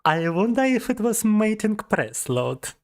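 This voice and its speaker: Chatting casually on his livestream, a young Russian-speaking VTuber is playful and teasing, often laughing as he reads chat aloud. He speaks at a measured pace in a high-pitched, very animated voice.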